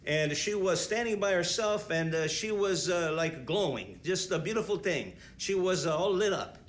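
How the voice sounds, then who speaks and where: An actor playing a chatty Italian bandleader who rambles with many fillers and halting restarts, in an Italian accent. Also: male voice, high-pitched, animated. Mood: rambling. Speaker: band leader.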